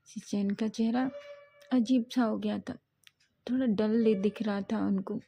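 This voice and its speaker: A woman reads a romance story aloud in a relaxed, conversational way. Her voice is mellow and warm, and she backs up to correct names and words as she goes. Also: mid-range voice, a little slow, gravelly, faint music behind. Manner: casual, with self-corrections. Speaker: story reader. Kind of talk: fan-fiction storytelling narration.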